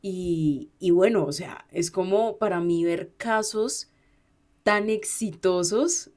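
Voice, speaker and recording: A woman's voice: on the low side, takes it slowly, darkish tone. Woman teacher chatting on a podcast. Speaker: Spanish teacher, podcast co-host. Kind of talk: casual conversational chat.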